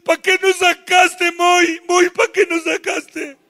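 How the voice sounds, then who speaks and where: A man's voice: extremely high pitch, flat delivery, a little slow, bright, forceful tone, pitched above the performer's own voice, exaggerated voice. A man voicing fearful, whining Israelites who moan and complain. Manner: wailing and moaning.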